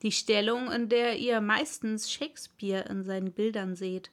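A woman narrating a children's storybook in a calm, clearly articulated reading. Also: mid-range voice, measured pace. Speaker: audiobook reader.

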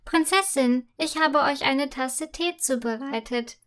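A woman's voice: high-pitched, unhurried. A woman voicing a kind, courteous lady's maid in a storybook.

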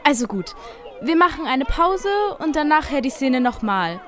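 A woman voicing a lively, commanding female film director on set. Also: high-pitched, moderate pace, some chatter behind, voice pushed up. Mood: bossy. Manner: enthusiastic, commanding.

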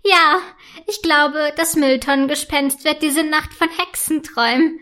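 A woman voicing an excitable little girl, eager and easily scared, in a children's storybook reading. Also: high-pitched, measured pace, voice pushed up. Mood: mischievous.

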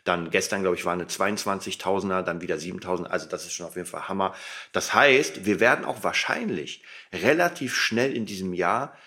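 A man's voice: low-pitched, brisk, bright, forceful tone. A man hosting a casual, rambling solo podcast, informal and emphatic, his articulation slightly impeded by a dental retainer. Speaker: podcast host.

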